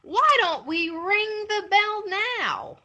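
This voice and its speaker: A woman voicing a hungry, wily male coyote who yips excitedly between his words. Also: high voice, slow, highs cut off, pitched above the performer's own voice, full character voice. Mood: eager.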